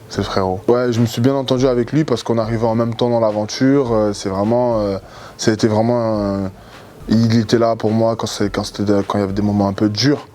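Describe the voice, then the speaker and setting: Young man, low voice, rambling and easygoing. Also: slight background noise. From Cameroon. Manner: relaxed, rambling, many fillers and repeated words. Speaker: former reality show contestant. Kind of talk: casual interview answers.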